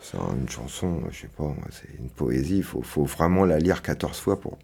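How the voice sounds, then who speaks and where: Radio guest: deep-voiced man from Canada, halting, lots of ums, tails off quietly. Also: lively intonation, gravelly, breathy edge. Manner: hesitant, many fillers, trails off softly. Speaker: guest singer-songwriter. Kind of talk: casual radio interview.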